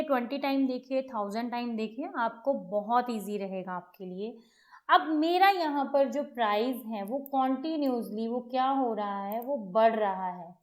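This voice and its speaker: A woman teaches beginners over a screen share, her voice a touch higher than most. She explains patiently, repeats each step and keeps checking that everyone has followed. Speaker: trading educator.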